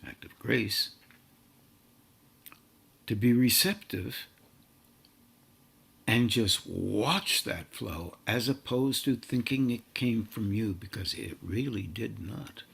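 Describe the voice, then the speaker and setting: A man giving a meditative spiritual talk in slow, halting, drawn-out phrases. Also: fairly low pitch, gravelly, fairly bright tone, husky. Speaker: spiritual teacher.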